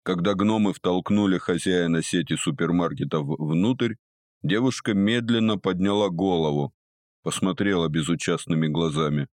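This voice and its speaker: A man with a very deep voice reads the narration of an audiobook at an even, measured pace. The sound is dry and close, with no room around it. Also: dry recording. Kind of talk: scripted narration.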